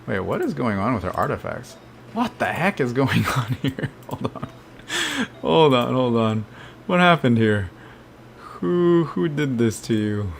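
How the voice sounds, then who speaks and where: A man's voice: mid-range voice, sing-song, unhurried, creaky, slight background noise. A man streaming a game, thinking aloud casually and answering chat questions. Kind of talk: live gameplay commentary.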